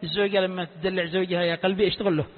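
High-voiced sheikh lecturing in an echoey hall. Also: male voice, steady tone, very fast. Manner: explains by repeating phrases and asking the class questions. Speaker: sheikh teaching Quran commentary. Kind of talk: classroom lecture. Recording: echoey hall, tinny phone-like sound.

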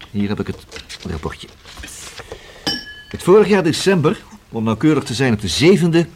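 In a Dutch radio play, a male actor voices a methodical, collegial senior police detective who explains things conversationally with small hesitations. His voice is fairly low and darkish, with a breathy edge.

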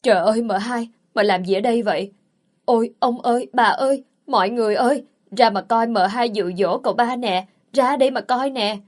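A woman reading the part of a young servant girl with a shrill voice who loudly tattles. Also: a little fast, natural voice. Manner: wailing, accusing.

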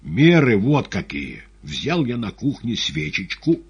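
A man's voice: lowish voice, very animated, slow pace, slightly rough, lo-fi sound, pitched above the performer's own voice, heavily acted. A man voicing a frantic young male poet in an audiobook, agitated and insistent. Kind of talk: audiobook character voice.

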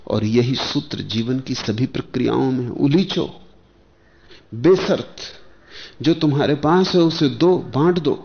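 A man, a spiritual teacher, giving a discourse in measured short phrases with pauses and rhetorical questions. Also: medium pitch. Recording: dull lo-fi archival lecture tape.

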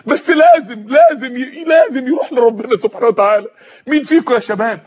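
A man's voice: very high-pitched, fast talker. A man with an Egyptian Arabic accent delivering an emotional sermon in story form, pleading and at times close to tears. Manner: impassioned, pleading, voice breaking into tears. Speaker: preacher. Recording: muffled lo-fi recording.

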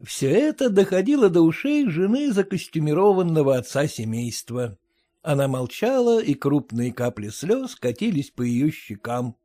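Guy reading a classic story aloud, voice swoops around a lot, storyteller vibe. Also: a little high. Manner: measured, lively storytelling. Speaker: narrator. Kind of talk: audiobook reading of classic prose.

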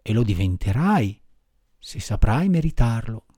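A man voicing a patient, motherly fairy woman, speaking softly and firmly in an audiobook reading. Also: sing-song, no echo, studio quality. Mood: gentle. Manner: soft lowered voice, measured admonishing tone. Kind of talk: audiobook character voice.

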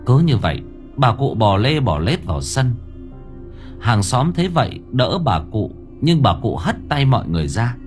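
A man narrating a story in an expressive, dramatic way. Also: medium pitch, moderate pace. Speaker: audiobook narrator. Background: faint music bed.

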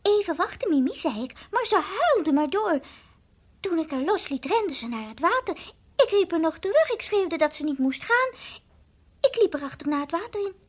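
A woman's voice: very animated, normal speed. A woman voicing a timid, childlike toy dog in an old radio play, earnest and confiding, sometimes whispering. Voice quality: high childlike voice, drops to whispers. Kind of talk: 1960s radio drama acting.

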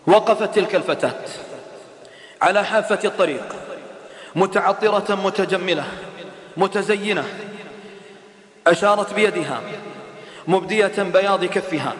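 A man's voice: sits high, moderate pace, pauses often. A man preaching an impassioned sermon, calling out rhetorical questions to his listeners. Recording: echoey hall reverb.

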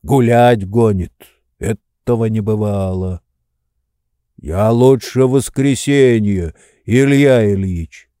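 A man's voice: fairly low pitch, takes it slowly, dark tone, clear, resonant tone, no echo, studio quality. A man voicing a grumbling old manservant. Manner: grumbling, indifferent.

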